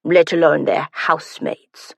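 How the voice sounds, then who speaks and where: A woman's voice: sits low, steady tone, measured pace, creaky, dry recording, clean studio sound, full character voice. A woman voicing a grinning, needling man newly arrived in England, teasing and wry, in an audiobook.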